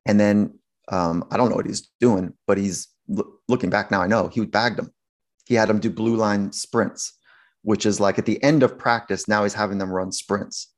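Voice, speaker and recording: A sports psychologist with a fairly low voice tells a story at a moderate pace in a casual interview. He's an animated storyteller who acts out the quotes and restarts himself often.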